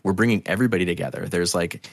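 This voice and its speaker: This middle-aged audio drama creator speaks low and rapid-fire in clean, echo-free studio sound. As a podcast guest he's casual and frank, earnest but wandering, often restarting and cursing freely.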